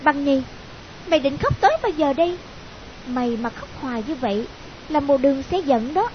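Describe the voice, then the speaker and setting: A man's voice: very high voice, expressive, moderate pace, voice pushed up. A man voicing a blunt, bossy young woman friend, scolding and coaxing by turns. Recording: dull lo-fi audio with hiss.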